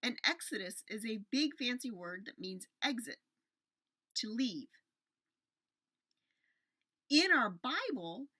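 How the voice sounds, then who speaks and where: A woman's voice: on the high side, bright, forceful tone, no echo. A woman in her forties telling a Bible story to children on a webcam from a small room at home, gesturing as she talks. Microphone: webcam at desk distance.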